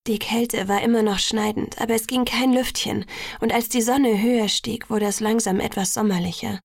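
Brief: woman narrator, gravelly texture, dry close studio sound, measured audiobook read. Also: medium pitch, no room sound. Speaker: audiobook reader. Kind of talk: first-person audiobook narration.

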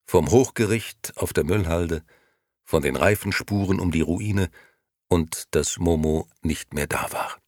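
A man reading an audiobook aloud with husky, expressive storytelling. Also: low-pitched, unhurried, dry recording, studio quality. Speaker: narrator.

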